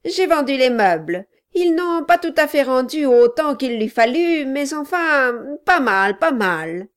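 A woman reading aloud voicing a scheming male dwarf who talks loudly and insistently with false friendliness. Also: sits high, sing-song, unhurried, pitched above the performer's own voice. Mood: pushy.

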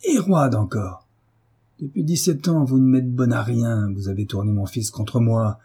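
A hulking drunken husband, all bluster and threats, voiced by a man reading a novel. He barks his lines in a raised, rough voice over the reader's dark, husky timbre. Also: medium pitch, measured pace. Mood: bullying. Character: brutish drunken giant of a husband, furious.

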